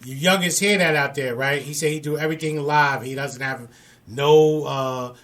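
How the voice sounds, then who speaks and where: Brooklyn-raised man hosting radio, New York accent, joking and teasing, bright forward tone. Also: a little high, normal speed. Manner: joking, playful banter. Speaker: radio show host. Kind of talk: casual radio interview chat.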